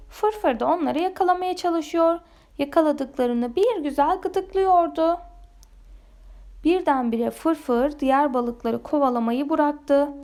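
Slow, high-voiced woman reading a storybook. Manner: gentle, expressive. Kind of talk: children's storybook read-aloud.

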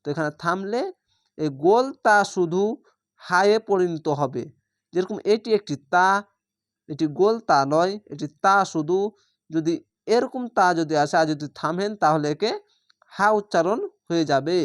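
A Quran reading teacher leads an online lesson at a steady, careful pace. Each letter and vowel mark is sounded out in turn before the rule behind it is explained. The voice is smooth and clear and sits close in a dry space. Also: medium pitch, measured pace, pauses often, no echo. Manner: spells out letters and vowel marks one by one, explains rules patiently; addresses viewers directly, checks understanding.

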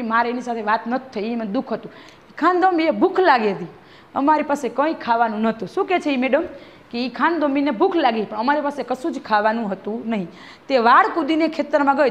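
A woman schoolteacher, reading a textbook lesson aloud to a class and re-explaining each line, often checking that the pupils follow. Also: high-pitched. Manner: reads a line then re-explains it, often asking "બરાબર છે?".

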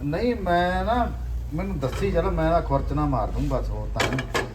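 Middle-aged man, Indian Punjabi accent, teasing casual chat, echoey room, very loud clatter of pots. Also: on the high side, lively intonation, normal speed, distant mic, very noisy. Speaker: father in a family vlog. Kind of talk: casual family chat while cooking.

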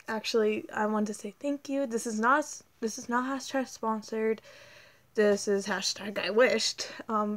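A young woman, rambling excitedly in a casual vlog to her tablet camera, full of ums and likes. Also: a little high. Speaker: vlogger. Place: indoors at home, dim room. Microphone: tablet camera held close.

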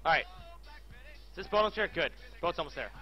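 A man streaming a game live, chatting casually, bossing his viewers around with excitable, profane outbursts. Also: on the high side, fast, dull audio, faint music behind.

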